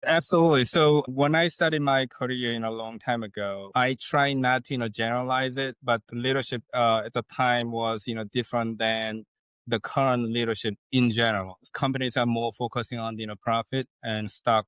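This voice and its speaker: A man, a guest on a podcast interview who explains things in a measured way with folksy sayings. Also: medium pitch, steady tone, fairly bright tone, smooth, dry recording. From South Korea. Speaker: guest, leadership consultant.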